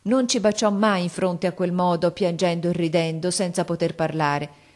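A woman reading a story aloud in a measured, expressive storytelling manner. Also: on the low side. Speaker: audiobook narrator. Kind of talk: scripted literary narration.

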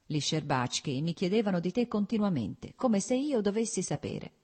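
A woman's voice: medium pitch, big pitch swings, moderate pace, a little mellow, husky, voice pushed up. A woman voicing an earnest, agitated young nobleman in love, in a pleading, urgent voice.

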